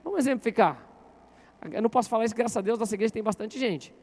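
Very high-voiced preaching pastor. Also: male voice, racing, darkish tone. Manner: interactive, asks the congregation questions. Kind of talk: sermon. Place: church.

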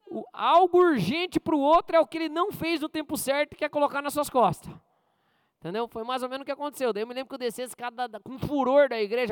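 A male pastor giving a conversational sermon with jokes and personal stories, often asking the congregation questions and swinging between loud high bursts and quiet asides. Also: smooth, no room sound.

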